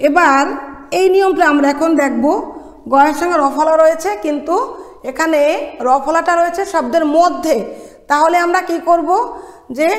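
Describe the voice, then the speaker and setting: Woman college lecturer, high voice, patient step-by-step explainer, roomy classroom echo. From Bangladesh. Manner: explains step by step, asks and answers her own questions. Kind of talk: classroom lesson on pronunciation rules. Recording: echoey room, long reverb.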